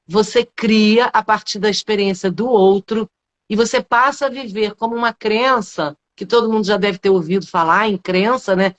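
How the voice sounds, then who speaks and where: Speaking in a mid-range voice, a middle-aged public speaking coach with a Brazilian Portuguese accent explains her ideas as a guest in a live interview. She poses rhetorical questions and often tacks on tag questions.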